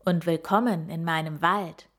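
A woman voicing a wise old female owl in a storybook reading, speaking calmly and gently. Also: low-pitched. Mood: gentle. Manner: calm, gentle and unhurried.

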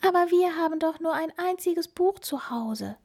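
A woman voicing a tiny, timid female mouse in a read-aloud storybook, with a squeaky voice. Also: animated, normal speed, darkish tone.

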